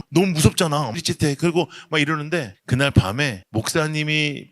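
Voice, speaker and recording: A middle-aged male pastor preaching at a youth camp, telling a humorous story with lively, acted-out voices. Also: medium pitch, no echo, clean studio sound. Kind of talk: sermon.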